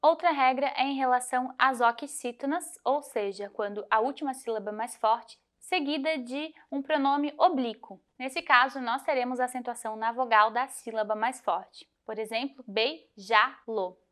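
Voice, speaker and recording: A woman teacher guiding students through a grammar lesson, clear and methodical, slowing to spell out example words. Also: sits high, a bit bright. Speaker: Portuguese teacher. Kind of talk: recorded lesson walkthrough.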